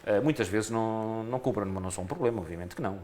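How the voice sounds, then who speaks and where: Man, European Portuguese accent, low pitch, rapid speech, earnest, restarts phrases, radio interview, faint background noise. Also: a little mellow. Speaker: municipal election candidate.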